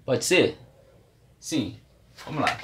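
A man with a Brazilian Portuguese accent gives an English lesson in a room with a whiteboard, his mid-range voice expressive, slow, and fairly bright. Patiently working through examples step by step, he writes and erases while speaking, with a little hiss or hum in the audio.

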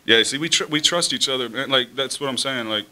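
A young man, a college quarterback, answering at a post-game press conference in a relaxed, easy way at a table mic. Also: mid-range voice, brisk. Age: young adult. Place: press room in front of a team backdrop. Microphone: table mic on a stand.

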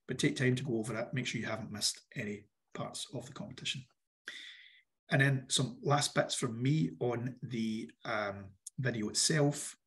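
A man presents a workshop on funding applications, his voice croaky and he clears his throat now and then. His pitch sits in the middle range for a man. He speaks in a direct, instructive way and keeps coming back to the key points.

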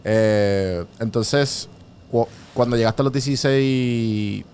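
A man's voice: medium pitch, takes it slowly, darkish tone, a little hiss or hum. A man hosting a podcast interview in a small studio at a studio mic, mostly giving short replies and asking questions. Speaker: podcast host. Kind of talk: casual interview. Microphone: studio mic, headphones.

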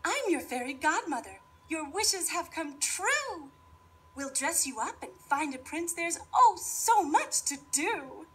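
Woman doing a squeaky gushing fairy godmother. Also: big pitch swings, takes it slowly, a bit bright, heavily acted. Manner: gushing, sing-song, very high. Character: bubbly meddling fairy godmother.

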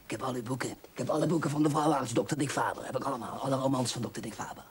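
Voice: mid-range voice, steady tone, racing, a little hiss or hum, lightly acted. A performer playing a pushy, overfamiliar book fan in a film comedy sketch, nudging with constant asides and sly whispers. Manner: insistent, keeps nudging with "hè?" and drops into sly whispers.

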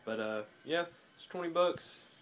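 A slightly high, expressive male voice at a measured pace, fairly bright in tone, comes from a nineteen-year-old fitness vlogger filming himself indoors on a phone held close. He rambles casually with plenty of "uh" fillers, and a little hiss or hum is audible.

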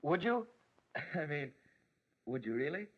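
A young man with an American accent playing a wry, eager high school boy in a 1940s instructional film. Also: big pitch swings, slow, slightly rough, exaggerated voice. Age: young adult. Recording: dull, lo-fi 1940s film soundtrack.

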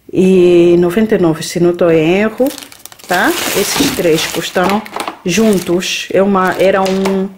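Slow-talking woman showing her groceries. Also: lowish voice, a little mellow, a little hiss or hum. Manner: unhurried, listing items with frequent "tá?" and "né?" tags. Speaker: vlogger. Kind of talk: grocery haul vlog. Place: home kitchen, indoors.

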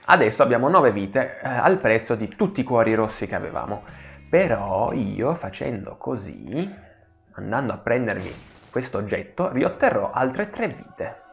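A man hosting a gaming channel, giving excitable let's play commentary, swearing and pleading with the enemies on screen. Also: medium pitch, normal speed, vocal fry, faint music behind.

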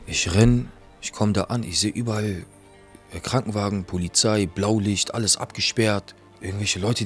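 Low-voiced man telling a raw personal story. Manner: colloquial, blunt street talk with restarts, addressing listeners directly. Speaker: interviewee recounting his brother's killing. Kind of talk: emotional first-person account.

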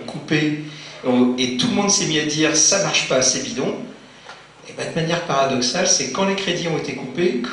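Conference speaker, male, relaxed lecture delivery full of restarts, booming hall echo, faint hiss. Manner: conversational, many fillers and restarts, jokes with audience. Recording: very echoey hall, faint noise.

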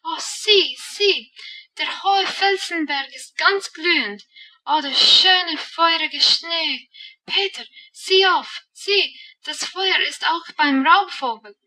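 A high, bright little girl full of breathless wonder, gushing over everything she sees, as a woman reads her out. She exclaims eagerly and a little sharply. The voice sounds set back from the mic. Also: takes it slowly, distant mic, exaggerated voice, poor audio. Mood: awestruck.

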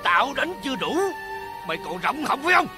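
An actor playing an arrogant, abusive eldest son in a TV drama, with a Southern Vietnamese accent and a harsh, bullying manner. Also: male voice, very high-pitched, sing-song, fairly quick. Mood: furious. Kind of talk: TV drama acting. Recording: music playing behind.

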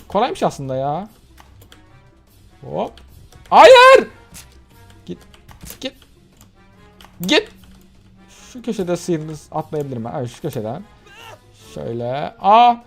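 An excitable young man talks through a game in loose, casual commentary. His voice swings widely and sits slightly high. He breaks into sudden yelps and shouts, with faint music playing under him. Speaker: gaming YouTuber. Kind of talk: casual let's-play commentary.

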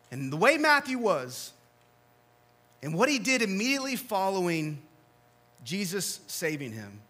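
Brief: male pastor, fairly high, forceful bright tone, earnest sermon delivery with soft low drops for emphasis. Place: church sanctuary.

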